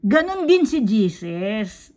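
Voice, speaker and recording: Storyteller: woman, somewhat high voice, chatty quizzing tone with a child. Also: very animated, slow pace, a little mellow. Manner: quizzing, checks in with "tama?" after each point. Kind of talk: casual storytelling in mixed Tagalog and English.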